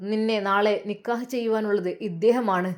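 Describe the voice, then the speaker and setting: A woman's voice: mid-range voice, fairly even intonation, brisk, lightly acted. A woman voicing a kindly, motherly older woman who coaxes and reassures. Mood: coaxing. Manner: warm coaxing, repeats endearments.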